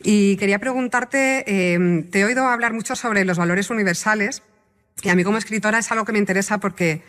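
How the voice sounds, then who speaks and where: A woman's voice: medium pitch, fairly bright tone. Woman from the audience, polite careful question, big echoey room. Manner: polite, grateful, measured questioning. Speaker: audience member asking a question. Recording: echoey hall reverb.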